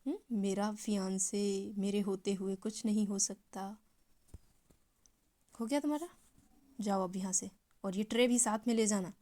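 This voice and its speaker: A woman voicing a headstrong young woman who snaps back with sharp, resentful lines. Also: medium pitch, steady tone, unhurried, long pauses, natural voice. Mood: angry.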